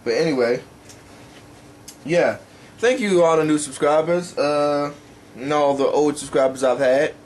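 A man's voice: on the high side, a little slow, long pauses, a little mellow, a little hiss or hum. A young man rambling casually in a vlog, talking while eating and swearing offhandedly. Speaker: YouTuber.

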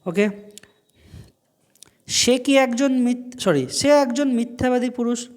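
A man teaching an Arabic lesson, saying each phrase slowly and then explaining it. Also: very high voice. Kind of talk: online language lesson.

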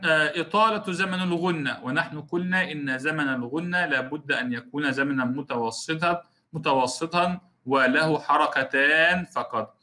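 A man's voice: fairly high pitch, bright, forceful tone. A man teaching a recorded lesson on Quran recitation rules, explaining step by step, repeating key terms and speaking straight to his students. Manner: addresses students directly as a class.

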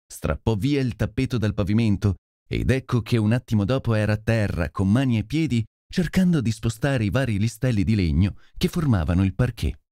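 A man narrating a detective story in expressive, scripted audiobook style. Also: fairly low pitch, a little fast, hardly any pauses, no echo, clean studio sound.

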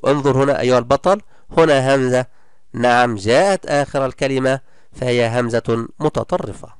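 In a recorded online lesson, a male primary school teacher cheers on his kids' class, praising them often and stretching example words out slowly. His mid-range voice is clear and resonant, captured with clean studio sound and no room sound.

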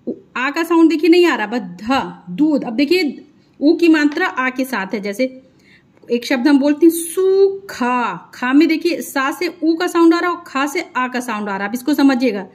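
A woman's voice: sits high, animated. A woman teaching children to read Hindi, drawing out each syllable and checking in with "okay" after each one. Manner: drawn-out syllables, repeats each sound, frequent "thik hai". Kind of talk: slow spelling lesson, dictating sounds.

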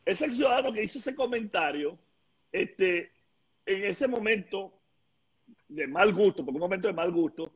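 A middle-aged man with a Venezuelan Spanish accent hosting a live video interview, lively and stammering as he talks. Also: high-pitched, moderate pace, pauses often, breathy edge. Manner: lively, gestures a lot, stammers and repeats words. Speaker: host. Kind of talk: casual live-stream interview. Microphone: webcam on a video call. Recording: dull lo-fi video call.

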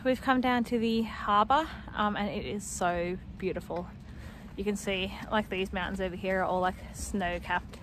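A woman's voice: medium pitch, steady tone, normal speed, fairly bright tone, low-quality recording. A young Australian woman chatting casually to a handheld camera in a snowy city, full of "like" and "um" fillers. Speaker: travel vlogger. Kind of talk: casual travel vlog chat. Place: snowy city streets and parks outdoors. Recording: outdoor street noise behind.

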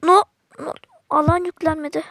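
A woman's voice: high voice, level tone, normal speed, vocal fry, a bit bright, no echo. A woman giving casual, slangy gameplay commentary to her viewers, with sudden frustrated outbursts. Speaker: gaming channel host.

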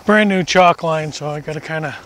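Middle-aged guy, kinda high voice, chatting thru a diy job outside, faint background noise. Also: a little fast, a bit bright. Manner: chatty, explains each step while working, self-deprecating jokes. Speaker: homesteading vlogger. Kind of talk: casual how-to narration. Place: outdoors at a wooded barn. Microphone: camera mic from a distance.

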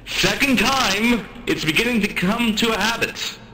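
A man's voice: high voice, unhurried. A man in gaming voice chat, speaking in a theatrical, mock-dramatic way. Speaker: gamer. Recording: roomy mic with steady noise.

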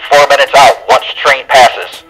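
A man's voice: medium pitch, unhurried, bright, forceful tone, faint music behind, voice pushed down, poor audio. A man voicing a patrol officer who calls in urgent, clipped updates over a police radio transmission.

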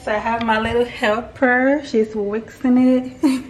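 A young woman, a single mom, chatting casually through a home vlog, sometimes talking low and soft. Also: steady tone, slow pace, far from the mic, slight background noise. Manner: chatty, talks softly and low at times. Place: home, indoors.

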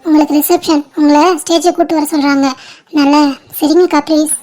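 A woman's voice: high-pitched, little pitch movement, a little fast, mellow. A woman voicing the sisters and mothers of a home-made family drama cartoon, emotional and pleading. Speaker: cartoon creator voicing all female roles.

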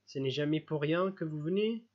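Un jeune prince droit et sincère qui questionne avec insistance, lu par un homme dans un livre audio. Sa voix est un peu voilée. La prise de son est légèrement sourde. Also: male voice, on the high side, moderate pace, a little mellow, lo-fi sound, pitched above the performer's own voice, lightly acted. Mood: reproachful. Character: earnest, upright young prince, easily indignant.

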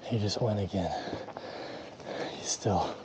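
A deep-voiced man narrates a hunting hike in hushed tones, winded from the climb. Loud outdoor noise sits over his camera mic. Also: slow pace. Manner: often whispering to avoid spooking game. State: out of breath from hiking. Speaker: hunter filming a scouting trip. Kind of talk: hushed hiking vlog narration. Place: outdoors in mountain terrain. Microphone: camera mic carried while hiking. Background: loud outdoor ambience.

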